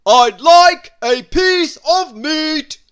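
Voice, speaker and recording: A storybook reader voicing a very noisy man who booms out drawn-out words at full volume. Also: fairly bright tone, heavily acted. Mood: booming, shouting.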